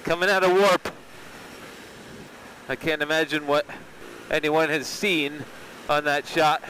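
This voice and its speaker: A man's voice: fairly high pitch, little pitch movement, slow. Man talking inside a helmet while riding. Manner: speaking up over wind from inside a helmet. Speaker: motorcycle reviewer and vlog host. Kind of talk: casual motovlog commentary while riding. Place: outdoors, riding a motorcycle. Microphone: microphone inside a helmet. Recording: helmet mic with engine and wind noise.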